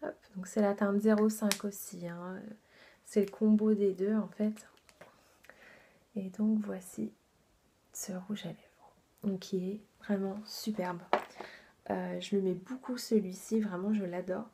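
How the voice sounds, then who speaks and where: A woman's voice: medium pitch, fairly even intonation, takes it slowly, long pauses, mellow, slight background noise. A woman reviewing her makeup haul in a chatty, enthusiastic way, with many fillers and asides that drop to a half-whisper. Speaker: beauty vlogger.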